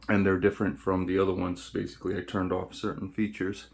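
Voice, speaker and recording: A gravelly, dark-toned male host speaks fast and with little pitch movement in his low voice during an informal how-to video. Chatting casually with viewers, he goes through the settings step by step.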